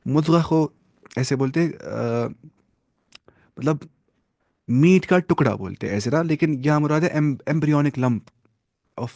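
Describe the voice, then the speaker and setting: A man's voice: mid-range voice, a little mellow, no room sound, studio quality. A man teaching a religious lesson, asking his listeners questions and repeating key terms as he explains them. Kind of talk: classroom lesson on hadith.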